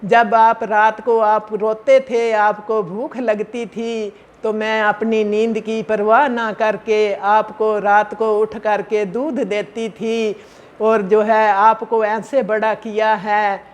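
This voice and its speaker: A man voicing a gentle, patient elderly mother in a spoken parable, speaking softly and forgivingly. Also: high-pitched, little pitch movement, slow pace.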